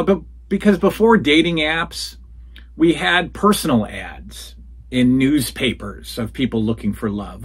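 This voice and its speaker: In a home den stocked with retro toys and posters, a podcast host in his forties answers questions from listeners he calls folks. His mid-range voice carries a breathy edge, and his talk is casual and rambling.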